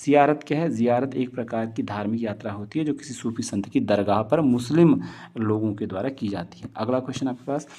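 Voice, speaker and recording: A man's voice: mid-range voice, a little fast, dark tone. A man teaching a history lesson, reading multiple-choice questions and options aloud and then explaining each answer, often repeating key points and mixing in English words. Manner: mixes in English words and phrases. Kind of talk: exam question walkthrough.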